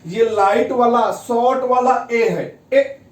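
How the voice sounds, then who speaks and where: A man's voice: very high-pitched, takes it slowly, far from the mic. A man teaching a shorthand lesson, explaining step by step and often checking with the class in a repetitive way. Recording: echoey room, off-mic.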